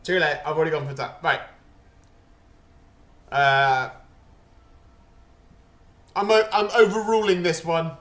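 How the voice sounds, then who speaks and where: A man's voice: on the high side, fairly even intonation, slow pace, long pauses, a bit bright. A male streamer chatting playfully on a gaming livestream at a desk microphone, joking between game choices. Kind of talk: casual livestream commentary. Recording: roomy echo.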